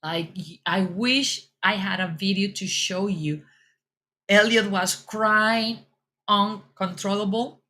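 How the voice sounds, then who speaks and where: A middle-aged woman with a Colombian accent, a mom who works as a fitness coach, gives parents reassuring advice in a casual way and often repeats herself. Her mid-range voice is steady and sharp, and she speaks slowly.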